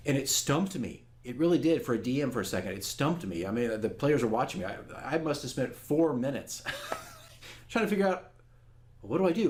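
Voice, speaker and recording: This dungeon master's campaign diary comes in a mid-range, darkish-toned male voice. Addressing viewers, he is candid and casual, conversational yet earnest and quick to criticize himself.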